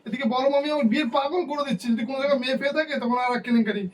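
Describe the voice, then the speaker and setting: A man's voice: very high voice, steady tone, rapid-fire, recorded from a distance, a little hiss or hum, low-quality recording. A man playing a young adult son in a family drama, worried and whiny.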